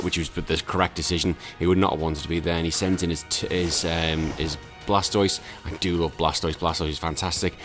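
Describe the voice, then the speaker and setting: A deep-voiced man, tired and still recovering from illness, casually commentates a Pokemon battle. He fills his talk with fillers and keeps correcting himself.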